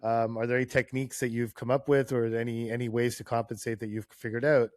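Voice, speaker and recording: A man co-hosting a hockey podcast, animated and chatty, often restarting phrases as he tells a story. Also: medium pitch, fast talker, dry recording, clean studio sound. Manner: animated storyteller, laughs, stammers. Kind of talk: casual chat, storytelling.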